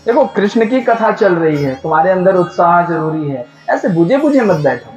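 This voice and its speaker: A man preaching a devotional sermon, telling a sacred story and urging the audience with animated questions. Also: high voice, moderate pace, muffled recording, faint music behind. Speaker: katha preacher.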